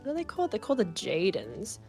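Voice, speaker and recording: A woman's voice: medium pitch, huge pitch swings, fast, a little mellow, husky, soft background music. A woman hosting a livestream, chatting casually and upbeat while she draws, laughing often. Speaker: livestream host. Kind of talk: casual chat while drawing.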